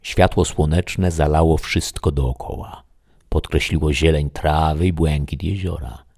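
A male audiobook narrator reading a fairy tale in a calm, even way. His voice sits extremely deep, with heavy vocal fry and a husky, rough texture. The telling stays measured and steady throughout. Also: no echo, studio quality.

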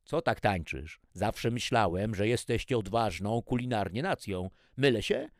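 A man's voice: lowish voice, animated, a little slow, dry recording, studio quality, voice pushed up. A man voicing a bossy male head chef in a story, barking orders and taunting his staff.

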